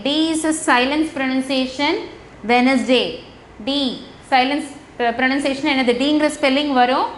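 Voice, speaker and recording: High-voiced Tamil woman teaching slowly. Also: fairly even intonation. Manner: slow, spells words letter by letter and switches between Tamil and English. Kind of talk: classroom lesson for young children. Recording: echoey room with faint noise.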